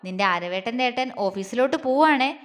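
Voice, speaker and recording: A woman voicing a doting older man who speaks softly and coaxingly to his young wife, with a long reverb on the voice. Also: high voice, expressive, a little fast. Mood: tender. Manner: soft, coaxing, affectionate.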